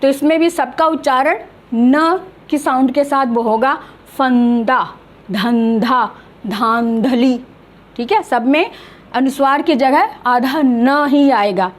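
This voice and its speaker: Slow, high-voiced woman teaching grammar. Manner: slow, patient, drawing out example words. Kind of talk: online grammar lesson.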